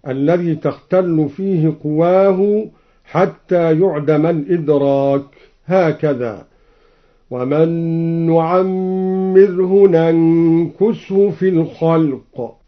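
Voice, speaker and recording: A man explaining reading variants of the Quran, breaking into slow, melodic recitation of each example, from an old radio broadcast. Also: fairly high pitch, highs cut off.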